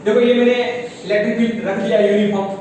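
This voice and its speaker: Man, physics teacher, classroom lecture, high voice, roomy echo, far from the mic. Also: little pitch movement, fast, darkish tone, a little hiss or hum. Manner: calls students "beta", asks checking questions.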